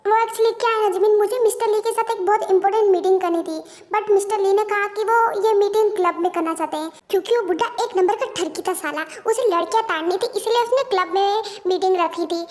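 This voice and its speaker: A woman putting on a hot-headed young female boss from a fan-made audio story. The voice is very high, and she scolds and complains bluntly. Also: fast talker, hardly any pauses. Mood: ranting. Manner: scolding, ranting.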